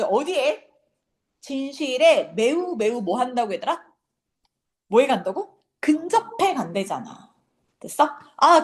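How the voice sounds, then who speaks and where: Lively high-pitched woman teacher lecturing. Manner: brisk, scolding, drills students with rhetorical questions. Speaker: high school English teacher. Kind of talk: lecture to exam students.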